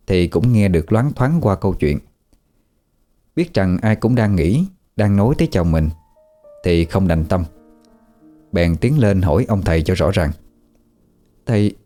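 A man narrating a horror story in a vivid, measured way. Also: sits low, lively intonation, mellow, faint music behind.

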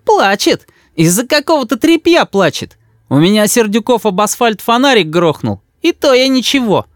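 A man's voice: big pitch swings, slow pace, no room sound, studio quality, exaggerated voice. A man reading a story aloud and voicing a cheeky, bratty boy who wails shrilly. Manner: shrill wailing.

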